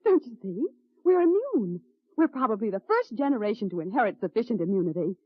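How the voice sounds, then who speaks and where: An actress in a 1950s radio drama, playing an earnest young wife who has survived the bomb, with a breathy, eager way of talking. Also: female voice, a little high, big pitch swings, fairly quick, no room sound. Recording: tinny, dry old radio broadcast.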